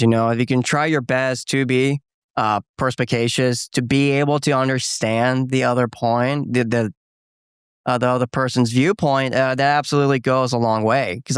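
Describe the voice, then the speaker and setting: A man's voice: medium pitch, clean tone, no echo. A man in his twenties, a guest in a studio conversation, speaking thoughtfully and searching for his words. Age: 20s. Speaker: guest, young political activist.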